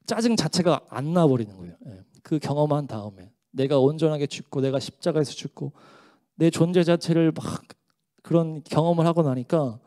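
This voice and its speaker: A man's voice: on the high side, moderate pace, warm tone. Earnest man pastor giving testimony. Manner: earnest, emotional storytelling. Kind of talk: testimony in a church service. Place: church sanctuary during worship.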